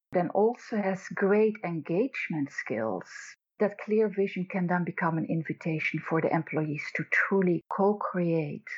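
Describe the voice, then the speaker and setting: A woman with a Dutch accent speaking earnestly as a podcast guest, phrasing deliberately in short pieces. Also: on the low side, husky. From Netherlands. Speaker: guest co-host, leadership coach. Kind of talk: podcast interview talk. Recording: dull lo-fi audio.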